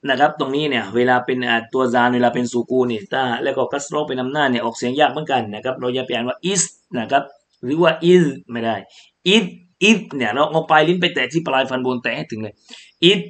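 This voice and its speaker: A man's voice: medium pitch, racing. A man from Thailand teaching Quran recitation, chanting verses and then patiently explaining pronunciation, repeating syllables for students. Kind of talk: tajweed recitation lesson.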